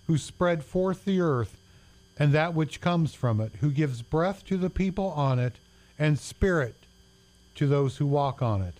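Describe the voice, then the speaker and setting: Man reading scripture slowly. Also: fairly high pitch, darkish tone. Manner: slow, deliberate reading.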